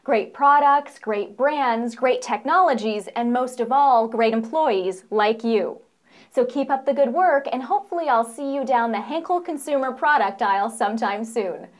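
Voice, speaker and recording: A woman's voice: fairly high pitch, animated, moderate pace. A young adult woman presenting a scripted promotional video in an upbeat, playful, salesy way.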